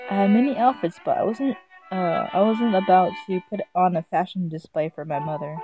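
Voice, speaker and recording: A woman streams a visual novel, casually reading it aloud and often stumbling over the words with giggles. Her voice is on the low side and fairly quick. Music plays underneath, and the recording quality is low.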